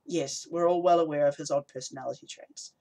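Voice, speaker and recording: A man voicing a tired, brisk woman who leads a rebel cell, curt and weary in manner, in an audiobook. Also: fairly high pitch, steady tone, vocal fry, darkish tone.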